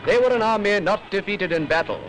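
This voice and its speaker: A man's voice: sits high, expressive, fairly quick. A British man narrating a 1940s newsreel in a formal, declamatory manner, on an old film soundtrack. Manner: formal, rhetorical, declamatory delivery.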